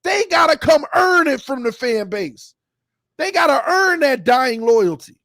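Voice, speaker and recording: A man's voice: very high-pitched, very animated, unhurried, a bit bright, dry recording, studio quality. Fired-up man in his thirties ranting. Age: 30s. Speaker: fan channel host. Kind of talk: sports fan talk show.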